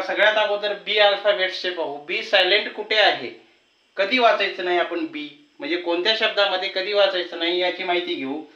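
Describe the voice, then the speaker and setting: A man teaching a lesson to students, patiently explaining rules and repeating example words slowly. His first language is Marathi. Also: sits high, sharp tone. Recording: roomy, slightly distant, dull sound.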